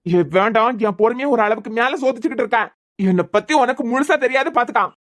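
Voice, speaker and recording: Angry cartoon dad voiced by a woman, high-pitched and fast, Kanyakumari accent. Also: close to an everyday voice. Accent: Kanyakumari Tamil. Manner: scolding, raising his voice. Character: angry young husband and father, hot-tempered. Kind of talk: cartoon serial voice acting.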